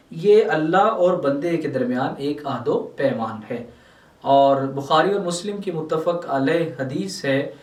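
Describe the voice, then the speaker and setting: A man's voice: on the high side, reverberant, far from the mic. A man with a Pakistani Urdu accent gives a religious lesson, reciting verses and explaining them word by word. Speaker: Islamic scholar teaching Quran translation.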